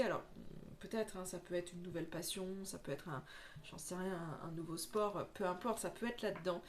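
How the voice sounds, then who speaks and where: A woman's voice: mid-range voice, a little hiss or hum. A woman who works as a medium, talking in a casual spiritual vlog, rambling earnestly with many restarts. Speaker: medium giving oracle card readings.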